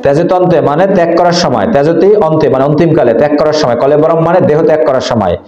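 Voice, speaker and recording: A man's voice: fairly high pitch, racing, warm tone. A man teaching children to recite scripture verses, quizzing them and scolding them and drilling the pronunciation. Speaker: Gita teacher. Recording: echoey, dull lo-fi sound.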